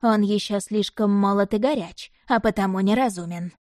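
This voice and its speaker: A woman voicing a creaky-voiced old god disguised as a stablehand, speaking in a sly, mocking, folksy way in an audiobook. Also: medium pitch, normal speed, a little mellow, dry recording, clean studio sound, lightly acted.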